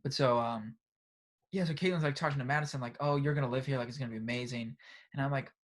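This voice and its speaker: A young man co-hosting a podcast, telling a story in a casual, animated way and often tagging "right?" and "bro". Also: medium pitch, fast. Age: young adult. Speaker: podcast co-host. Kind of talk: casual chat.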